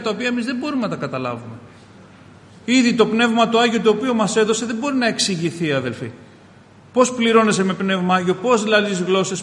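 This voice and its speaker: A man preaching a sermon as a pastor, impassioned, rising loud on key phrases and calling his listeners brothers. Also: high voice. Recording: reverberant hall, faint ambience.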